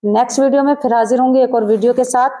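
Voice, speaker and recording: A woman with an Urdu accent teaching a grammar lesson, explaining terms and slowing down to pronounce example words carefully. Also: fairly high pitch, steady tone, dark tone.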